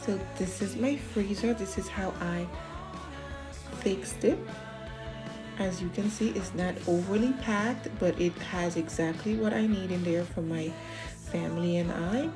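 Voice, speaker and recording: A woman's voice: mid-range voice, a little slow, over music. A woman giving a casual, chatty voice-over as a home organization vlogger, talking directly to viewers with encouraging tips. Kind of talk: casual voice-over narration of cleaning.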